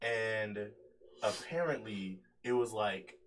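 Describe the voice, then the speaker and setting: A man's voice: on the low side, slow pace. A young man co-hosting a podcast, telling a story among friends in a casual, slangy way, laughing and acting out what others said. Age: young adult. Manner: slangy, laughing, acts out quotes. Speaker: podcast co-host. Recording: distant mic with background noise.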